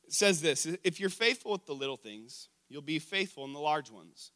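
Bright-voiced preaching man. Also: a little high, moderate pace. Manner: animated preaching, asks the congregation questions. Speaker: pastor. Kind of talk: sermon.

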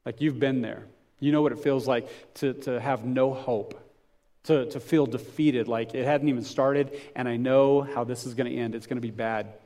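A man's voice: mid-range voice, fairly even intonation, normal speed, mellow. Conversational man preaching a sermon. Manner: conversational preaching with rhetorical questions and restarts. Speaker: pastor.

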